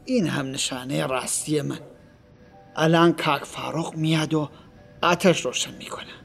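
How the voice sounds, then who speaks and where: A woman voicing a gruff mountain leader man. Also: deep voice, steady tone, soft background music. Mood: gentle. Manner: blunt, bossy, later gentle.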